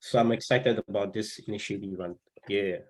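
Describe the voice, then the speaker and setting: Male engineer, low voice, casual self-intro, video call sound. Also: fairly even intonation, brisk, darkish tone, low-quality recording. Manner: easygoing, chuckling.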